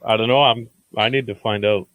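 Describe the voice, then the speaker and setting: A man's voice: on the low side, steady tone, fairly quick, no room sound, phone-quality sound. A man playing a tabletop game, chatting casually and asking questions.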